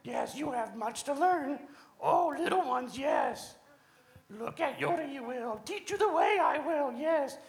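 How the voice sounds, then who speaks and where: A woman voicing a tiny ancient alien sage in a live church comedy skit, speaking in inverted word order with drawn-out yeses. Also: high voice, lively intonation, creaky, exaggerated voice. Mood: playful.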